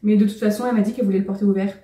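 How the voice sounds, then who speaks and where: Chatty woman, mellow voice, roomy distant sound. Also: mid-range voice, steady tone, rapid-fire. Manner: chatty, rambling, light self-mocking laughs. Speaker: knitting vlogger. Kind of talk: casual chat showing finished knits.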